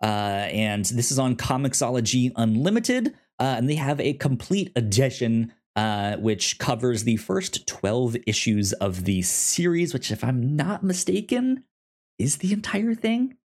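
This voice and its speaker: A man with a mid-range, slightly mellow voice chats casually as a podcast co-host pitching films and comics. His delivery is sing-song and measured, and he often stammers, repeating sounds and the beginnings of words.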